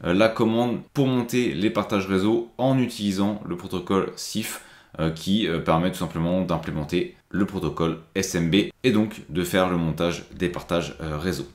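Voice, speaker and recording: A man's voice: low-pitched, fairly even intonation, normal speed, echoey room. A man presenting a screen-recorded IT tutorial, explaining step by step with frequent hesitations.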